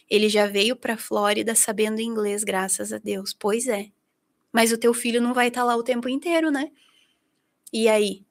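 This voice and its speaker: A middle-aged woman from Brazil teaching an online English masterclass, talking straight to her listeners and acting out what her students say. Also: on the high side. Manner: lively, talks directly to the listener, acts out students' quotes.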